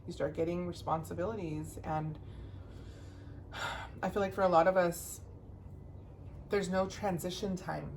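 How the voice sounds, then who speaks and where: A woman with a fairly low speaking voice hosts a podcast in a relaxed, candid way. She talks earnestly, swears freely and grows animated as she goes. Faint hiss sits under her voice. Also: measured pace, pauses often, rough recording. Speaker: podcast host. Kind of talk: casual podcast conversation.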